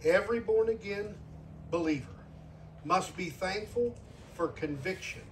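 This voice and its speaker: This guest preacher, an older man in his sixties, speaks in a high-pitched, unhurried voice during an earnest sermon that ends in an altar call. He repeats phrases for emphasis, and the distant recording carries a little hiss or hum.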